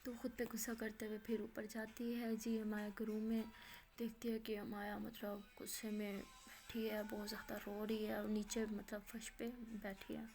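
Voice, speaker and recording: A woman's voice: medium pitch, monotone, moderate pace, darkish tone, faint music behind. A woman telling a love story in a casual, conversational way. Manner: conversational, informal.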